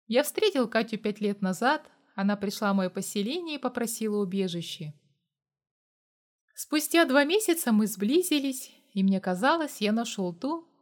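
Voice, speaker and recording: Woman reading a story aloud. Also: on the high side. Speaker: narrator. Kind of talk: first-person story reading.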